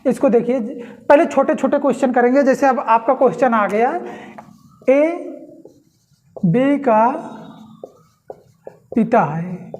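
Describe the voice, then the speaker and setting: A woman with a high voice teaches an exam-prep reasoning lesson at a whiteboard. She goes slowly, asks the class questions and answers them herself, and repeats key points. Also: a little mellow. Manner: explains slowly with rhetorical questions and repetition.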